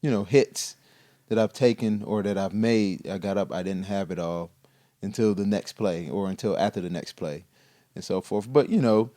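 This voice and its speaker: Low mellow-voiced former football player. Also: male voice. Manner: halting, with many fillers and restarts. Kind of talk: casual podcast discussion.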